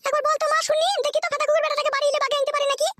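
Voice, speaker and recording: A woman's voice: extremely high pitch, little pitch movement, rapid-fire, noisy background. A young woman voicing a demanding, shameless young wife from a village in a cartoon, whining and complaining. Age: young adult. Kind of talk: cartoon voice acting.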